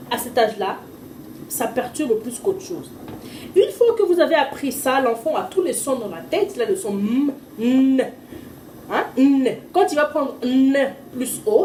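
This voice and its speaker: A woman, a parent teaching her child to read at home, explaining in an informal tutorial and slowly sounding out letters and syllables. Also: sits high, dark tone, slight background noise. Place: at home with a small child nearby. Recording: echoey room, mic far off, faint ambience.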